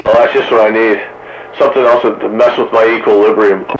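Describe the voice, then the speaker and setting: A man with a lowish, fairly flat voice speaks briskly as an amateur radio operator in a round table chat. He talks casually and tells joking anecdotes over a two-way radio, and the transmission is picked up by a receiver, sounding muffled and staticky with faint noise.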